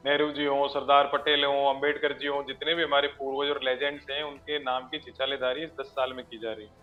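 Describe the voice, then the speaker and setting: A man making measured, rhetorical points as a panelist in a TV debate. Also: medium pitch, flat delivery, dull audio, soft background music. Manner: measured, rhetorical, formal address. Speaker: political panelist. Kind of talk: TV debate argument.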